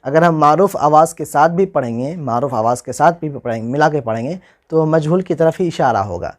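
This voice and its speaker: A man hosting his own channel, giving an informal spoken lesson, explaining step by step and slowly repeating spelled-out letters. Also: a little high, lively intonation. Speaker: teacher and channel host.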